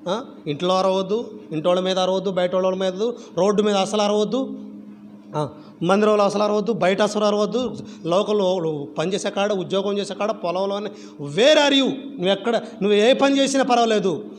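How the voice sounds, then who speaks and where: A man preaching a church sermon in an animated way, firing rhetorical questions at the congregation. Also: high voice, moderate pace. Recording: reverberant church hall with faint background noise.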